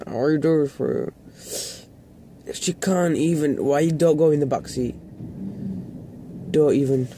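Young guy ranting at stuff, slow drawn-out delivery, bit high, swears loads. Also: warm tone, slight background noise. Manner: exasperated, swearing, mocking put-on voices. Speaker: vlogger. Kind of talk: ranting commentary.

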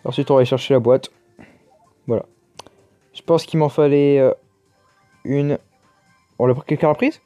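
A man's voice: medium pitch, fairly even intonation, moderate pace, long pauses, warm tone, no room sound, soft background music. A man giving casual, chatty commentary over his own gameplay, exclaiming and muttering to himself as he plays. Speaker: gaming YouTuber.

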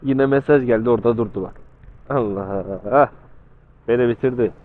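A man talking casually and slangily inside a motorcycle helmet while riding, as a motovlogger thinking out loud. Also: medium pitch, normal speed. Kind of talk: casual riding chat and commentary. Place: outdoors, riding on the road. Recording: muffled phone-like helmet mic, vehicle sound.

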